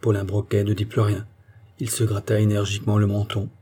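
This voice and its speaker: A man narrating an audiobook in a measured, even way. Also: lowish voice, husky. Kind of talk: scripted narration.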